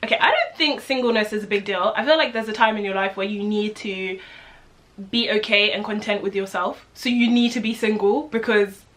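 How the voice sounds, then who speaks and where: A woman's voice: medium pitch, fairly even intonation, fairly quick, a bit bright. A young woman co-hosting a chat show, casual and giggly with lots of fillers. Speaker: podcast co-host.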